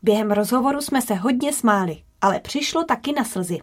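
A woman's voice: on the high side, lively intonation. A woman co-hosting an interview, speaking thoughtfully and checking her understanding. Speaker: co-host. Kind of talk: interview chat.

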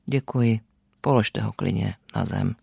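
A man's voice: medium pitch, flat delivery, dark tone, no echo, studio quality, natural voice. A radio host reading aloud the lines of a lonely, sorrowful old father in a Christmas story, in a plain storybook voice. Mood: sad. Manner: sorrowful, subdued. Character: sad, lonely old man, neglected father.

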